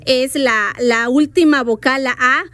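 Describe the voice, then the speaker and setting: Invitada de radio, mujer de lengua materna zoque, voz aguda y seca, explica con paciencia. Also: female voice, high voice, a little slow, a bit bright, no echo. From Veracruz, Mexico. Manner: patient, repeats and spells out words. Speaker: radio guest, Zoque speaker. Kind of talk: radio interview, explaining writing rules.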